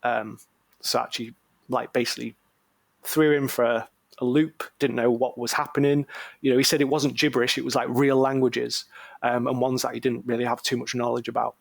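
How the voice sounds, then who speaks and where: A man's voice: medium pitch, little pitch movement, a little fast, gravelly, dry recording. A man co-hosting a podcast and telling a case story in a rambling, slangy, jokey way, full of ums. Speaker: podcast co-host. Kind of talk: casual podcast chat.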